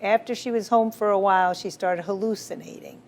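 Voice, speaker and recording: A woman's voice: mid-range voice, fairly even intonation, brisk. A woman doctor being interviewed, explaining medicine and cases in a confident, explanatory way and often saying "right.". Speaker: physician, guest.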